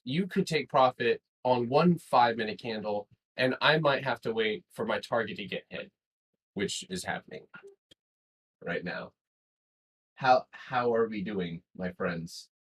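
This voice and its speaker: A man hosting a live stock trading stream, talking in excitable bursts with frequent swearing. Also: medium pitch, husky. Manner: excitable, swears and laughs, talks fast in bursts.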